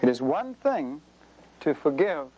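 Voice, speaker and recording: Male preacher, earnest conversational delivery, voice a bit high, faint background noise. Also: sing-song, measured pace, warm tone, poor audio. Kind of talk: sermon.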